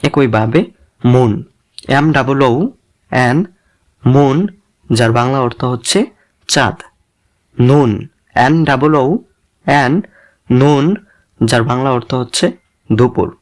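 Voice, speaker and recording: Male teacher, mid pitch, walks learners through each letter sound at a very unhurried pace. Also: fairly even intonation. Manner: spells letters then blends sounds, deliberate and repetitive. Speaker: English reading teacher. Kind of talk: slow spelled-out pronunciation lesson.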